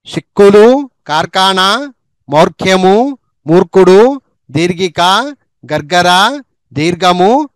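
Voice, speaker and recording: A man with a fairly high voice runs a slow reading drill, saying every word carefully two or three times. He drops in quick little asides on how to practise. The sound is dry, with no room echo. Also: fairly bright tone. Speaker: Telugu reading teacher. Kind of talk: slow spelling and pronunciation drill.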